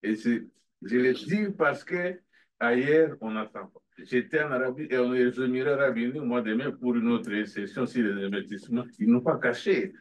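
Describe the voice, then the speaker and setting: A man, asking a panel a long question in an earnest, halting way. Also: mid-range voice. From Democratic Republic of the Congo. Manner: halting, restarts often, earnest. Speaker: audience member asking a question. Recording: from far off in a room.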